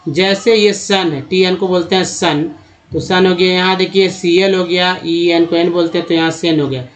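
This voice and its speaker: A man's voice: high-pitched, steady tone, moderate pace. A man teaching English reading in a Hindi-language phonics lesson, steadily spelling out letter groups and repeating their sounds. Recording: dull lo-fi recording.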